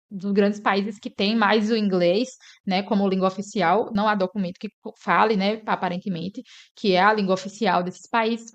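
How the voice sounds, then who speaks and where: A woman from Northeast Brazil, explaining an English lesson and often checking in with her listeners. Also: fairly high pitch. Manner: explanatory, tags sentences with "né?". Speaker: English teacher.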